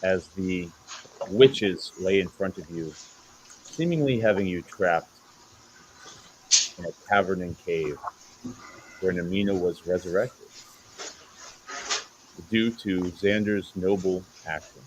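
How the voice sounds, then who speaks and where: Deep voiced dude game mastering, dramatic halting storytelling, bit of noise behind. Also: male voice. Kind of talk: improvised narration of a tabletop game.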